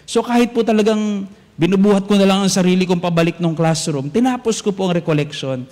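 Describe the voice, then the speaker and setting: A young adult male priest giving an animated homily, telling a story and switching between languages as he acts out what people said. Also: high-pitched, fairly quick. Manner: animated, mixes languages, acts out quoted voices. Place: large church. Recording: echoey church with long reverb.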